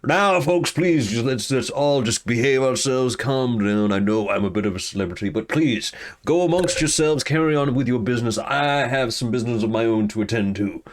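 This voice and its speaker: A man's voice: medium pitch, normal speed, lightly acted. A man voicing a flamboyant, celebrated male adventurer who speaks in a grand, theatrical way. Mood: showboating.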